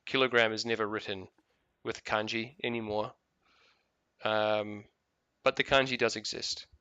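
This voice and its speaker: Bright, crisp New Zealand man rambling. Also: on the low side, little pitch movement, measured pace, no echo, muffled recording. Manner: rambling, many fillers and restarts. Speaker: gaming video host. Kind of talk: casual commentary while playing.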